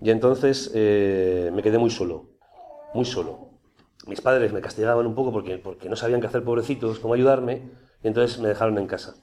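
A man giving a personal testimony to an audience, speaking in a conversational, animated way. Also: on the low side, a little fast. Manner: conversational, animated, with many restarts.

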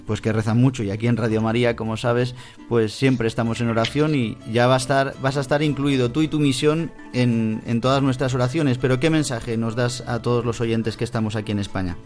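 A man from Spain, a priest, hosting a religious radio program in a calm, formal broadcaster manner. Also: mid-range voice, normal speed, faint music behind. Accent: Spain Spanish. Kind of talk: radio interview and program wrap-up.

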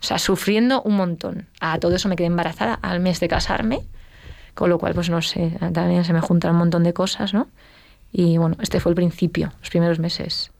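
Fast-talking gravelly woman. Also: lowish voice, dry recording. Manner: lively storytelling, acts out quoted dialogue. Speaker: interview guest. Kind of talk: personal testimony.

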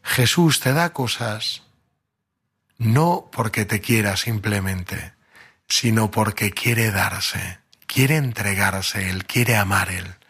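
A man's voice: fairly low pitch, slow, fairly bright tone, husky. A man preaching a sermon, telling a story conversationally, full of fillers, rising to emphatic peaks.

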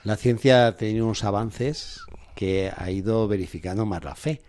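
A man's voice: lowish voice, moderate pace, darkish tone. A man, a priest, hosting a radio interview in a friendly, conversational way in a studio. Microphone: studio microphone.

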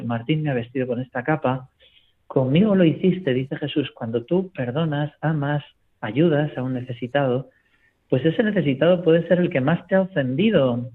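Priest, radio guest by phone line, mid-pitched, storytelling, leans on "¿no?". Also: male voice. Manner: storytelling, constant tag question "¿no?". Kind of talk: reflective spiritual talk on radio.

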